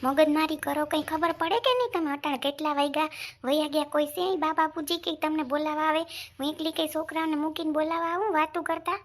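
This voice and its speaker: A woman's voice: sits high, steady tone, natural voice. A woman plays a fed-up village wife in a comedy sketch, scolding and nagging her husband. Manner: scolding, nagging, rapid complaints. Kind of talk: comic village sketch acting.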